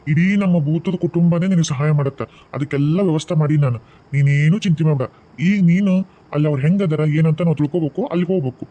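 A man's voice: a little high, fast talker, mellow, lightly acted. A man voicing a protective ghost father in a cartoon, reassuring in a North Karnataka Kannada accent. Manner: reassuring, firm.

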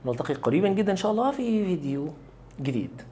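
A man with an Egyptian Arabic accent teaching English pronunciation, slowly repeating each word many times for learners. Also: high-pitched, very animated, dark tone. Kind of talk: pronunciation lesson.

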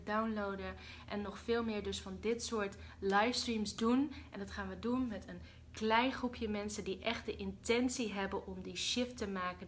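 A Dutch woman hosts a casual spiritual livestream in a medium-pitched, expressive voice, swinging between loud outbursts and soft whispers and mixing in English phrases. There's a little hiss or hum in the audio.

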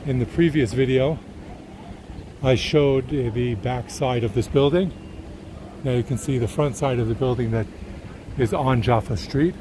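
A man working as a tour guide, calmly pointing out buildings and trams as he walks down a city street. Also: mid-range voice, normal speed, pauses often. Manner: explains sights calmly while walking. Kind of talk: walking tour narration. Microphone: handheld camera while walking. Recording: outdoor street noise. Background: street and tram noise.

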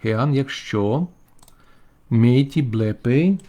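A man, a church bishop, teaching a remote Bible study lecture in a measured, explanatory way, pausing often with "uh" while he works through the text. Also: mid-range voice, expressive, warm tone. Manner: measured, explanatory, frequent "uh" fillers while working through Greek.

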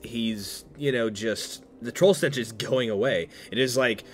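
Young male guest, mid-pitched, loose rambling delivery with lots of restarts and laughs. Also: a little slow, a little hiss or hum. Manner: rambling, full of fillers and restarts, laughs often. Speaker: podcast guest. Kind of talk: casual movie recap chat.

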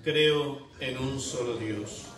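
A man, a priest, leading Mass prayers with measured liturgical recitation in a church sanctuary. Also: mid-range voice, background noise. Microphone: far camera. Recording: echoey church from far off, congregation audible.

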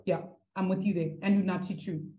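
A woman's voice: lowish voice, steady tone, a little fast, dark tone. A woman teaching a live online maths lesson, encouraging her students and reading their answers from the chat.

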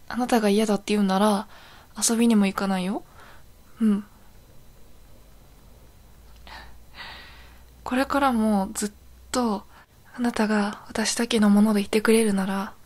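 A woman's voice: mid-range voice, a little mellow, natural voice. A woman playing a young, possessive yandere girlfriend in an intimate role-play audio drama, sounding sweet, clingy and eerily obsessive. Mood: clingy, tender.

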